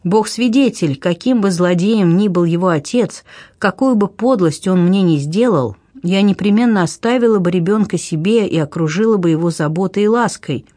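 A man's voice: high-pitched, moderate pace, mellow, no echo, clean studio sound. A man reading an audiobook, voicing a proud noblewoman, a duchess who is agitated and exclaims in a raised voice. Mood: distraught.

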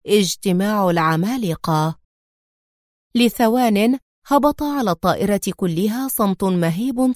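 A woman narrating a thriller audiobook in a measured, expressive storytelling manner. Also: mid-range voice, no room sound, studio quality.

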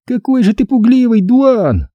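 A man's voice: very high-pitched, sing-song, moderate pace, breathy edge, no echo, highs cut off, voice pushed up, full character voice. A man voicing a mischievous young girl who mocks and teases her friend in a storybook reading. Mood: taunting. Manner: mocking, taunting.

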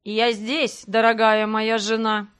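A woman voicing a smug, cruel male villain mage with a creaky, mocking voice. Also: fairly high pitch, little pitch movement, measured pace, a bit bright. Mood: gloating. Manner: mocking, gloating.

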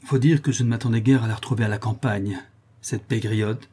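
A man's voice: on the low side, steady tone, a little fast, warm tone, slightly rough. A man reading aloud and voicing a greedy, scheming old woman who talks in coarse, wheedling slang.

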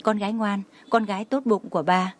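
A woman voicing a gentle, consoling older father who speaks kindly to his daughter. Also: medium pitch, steady tone, brisk, lightly acted.

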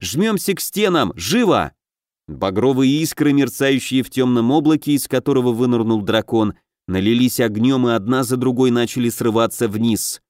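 Male audiobook narrator, mid-pitched, dry close read, steady storytelling. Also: normal speed, few pauses, smooth, dry recording. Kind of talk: scripted narration of a fantasy game novel.

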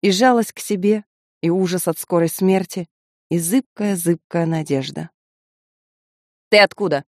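Lowish woman voice telling a dark story, tense and vivid, dry booth sound. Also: moderate pace, no echo. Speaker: audiobook narrator. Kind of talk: dramatic audiobook narration.

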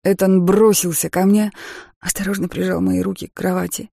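A woman reading a first-person audiobook in a measured, dramatic way. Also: on the low side, level tone, vocal fry, warm tone, dry recording, studio quality. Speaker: audiobook narrator.

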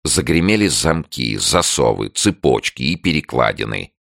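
Very deep gravelly male narrator. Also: very animated, moderate pace, a bit bright, dry recording, studio quality. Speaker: audiobook narrator. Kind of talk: scripted narration.

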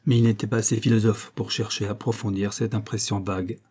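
Male narrator for a classic novel; warm, husky, measured. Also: on the low side, flat delivery. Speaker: audiobook reader. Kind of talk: scripted narration.

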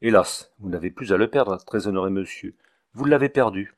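A man's voice: lowish voice, normal speed, natural voice. Man doing a pompous village doctor. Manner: pompous, ceremonious speech. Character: fussy, long-winded male village doctor.

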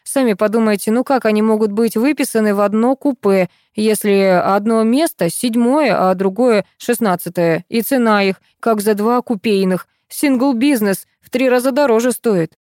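A woman voicing a calm, smiling male train conductor who patiently explains a ticket mix-up in an audiobook story. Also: fairly high pitch, moderate pace, few pauses, no echo, clean studio sound, natural voice.

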